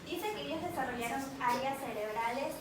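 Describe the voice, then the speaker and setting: A young woman giving a hesitant class presentation, stopping often to restart her words. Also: high voice. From Ecuador. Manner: hesitant, halting with fillers and restarts. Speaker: student presenter. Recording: very echoey room, mic far off, noisy.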